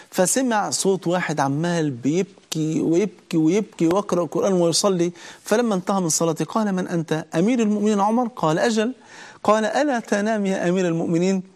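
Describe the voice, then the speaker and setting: A man preaching in an Egyptian Arabic accent, his voice pitched fairly high. He talks fast and with emphasis, often putting rhetorical questions to his listeners. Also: darkish tone. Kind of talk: sermon.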